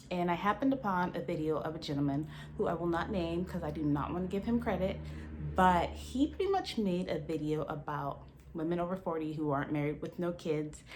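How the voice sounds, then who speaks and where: A woman in her early forties, a YouTube lifestyle vlogger, talks to camera in a candid, conversational, personal way. Her fairly low voice is slightly slurred by the retainers she's wearing, and there's slight background noise.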